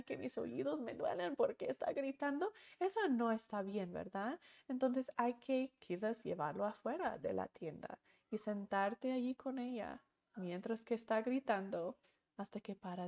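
A woman teaching a course lesson, acting out little everyday scenes in a soft, reassuring way. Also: a little high. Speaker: course instructor.

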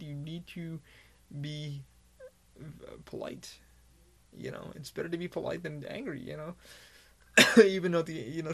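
A male podcast host talking alone in a loose, rambling way, swearing constantly. His voice sits a little high for a man, with a rough, gravelly fry running through it. He sounds like he is chatting off the cuff rather than reading. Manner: rambling and heavily profane. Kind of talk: casual monologue.

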